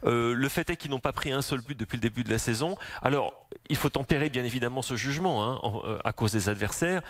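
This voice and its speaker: Hoarse man giving football analysis. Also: mid-range voice, quick pace. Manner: hesitant, many restarts. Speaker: football pundit. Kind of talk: radio sports talk.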